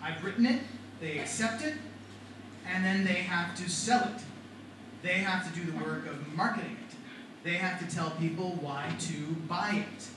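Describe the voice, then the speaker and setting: A middle-aged writing and rhetoric teacher with a fairly high voice lectures a class at normal speed, animated and quizzing his listeners with questions. He sounds far from the microphone in a very echoey classroom, with noise hanging beneath his speech.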